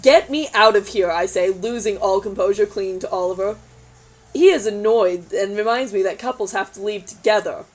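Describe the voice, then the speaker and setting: A woman's voice: medium pitch, fairly even intonation, normal speed, mellow, rough recording. A woman reading a magazine story aloud in a casual group chat, adding wry, sarcastic asides.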